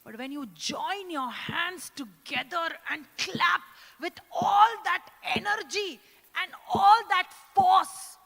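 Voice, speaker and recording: A woman with an Indian English accent hosting a corporate live event, teasing the crowd and leading loud cheers and laughter. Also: very high-pitched, slow pace, vocal fry. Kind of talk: energetic live event hosting with audience exercises. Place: large indoor event hall. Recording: echoey hall sound.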